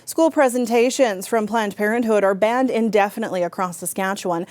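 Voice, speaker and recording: A woman's voice: mid-range voice, brisk, darkish tone, no room sound. A woman reading scripted television news as an anchor.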